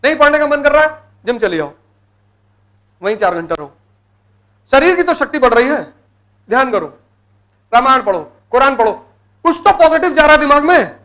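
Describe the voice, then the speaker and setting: Very high-pitched male motivational lecturer. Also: sing-song, normal speed, pauses often, pushed and bright. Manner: exhorting, blunt commands, repeats key words. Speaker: motivational speaker for exam students.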